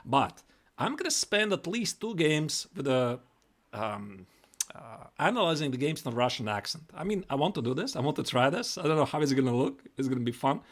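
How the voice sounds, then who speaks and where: On a live chess stream, a man with a Latvian accent and a medium-pitched voice chats casually, often repeating and restarting his words.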